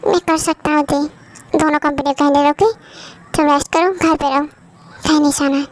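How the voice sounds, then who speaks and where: A woman's voice: sits high, fairly even intonation, moderate pace, natural voice. A woman voicing a bossy but caring young husband, who speaks firmly and insists on getting his way, in an amateur fan dub. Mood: insistent. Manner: firm, commanding, insistent.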